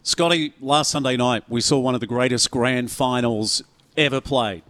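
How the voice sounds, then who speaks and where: A man's voice: mid-range voice, a bit bright. Chummy Australian male sports radio host. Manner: chummy, effusive, drawn-out emphasis on key words. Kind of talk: conversational sports radio interview.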